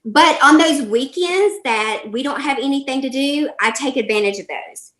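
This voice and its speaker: A woman's voice: high voice, moderate pace, fairly bright tone. A middle-aged woman from Alabama with a Southern US accent, chatting casually and giving folksy advice as an interview guest. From Alabama, United States. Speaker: interview guest, life coach. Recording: roomy, echoey sound.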